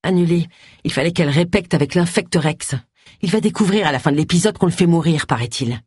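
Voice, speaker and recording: Sardonic cheeky man, read by a woman, dry teasing barbs, husky low voice, close dry sound. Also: a little fast, a little mellow, dry recording.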